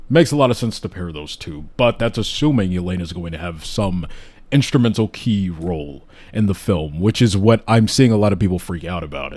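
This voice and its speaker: A man's voice: sits low, a little mellow. A man hosting a casual live podcast chat, talking enthusiastically and rambling with restarts, hiccuping now and then. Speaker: host.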